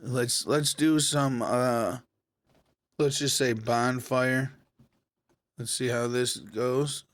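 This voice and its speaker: A man hosting a casual software tutorial, talking viewers through each step in a relaxed, conversational way. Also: medium pitch, extremely slow, long pauses, no room sound. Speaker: tech tutorial host. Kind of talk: screen-recorded software tutorial.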